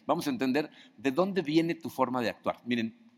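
A man delivers a sermon in a relaxed, conversational way, often asking his listeners questions. His voice sits in a middle range. A long hall reverb trails behind every phrase. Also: mid-range voice, moderate pace. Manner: conversational, asks the audience questions, acts out quoted voices. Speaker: preacher.

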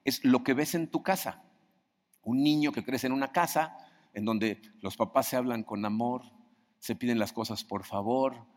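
A man's voice: medium pitch, normal speed. A man preaching a sermon in a conversational way, often asking his audience questions. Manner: conversational, asks the audience questions, acts out quoted voices. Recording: long hall reverb.

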